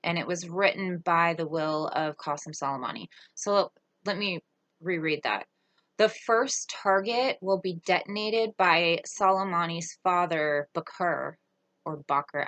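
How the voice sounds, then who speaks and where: A woman's voice: on the low side, unhurried, a bit bright. A woman hosting a casual political commentary show, reading quotes aloud with frequent fillers and getting indignant.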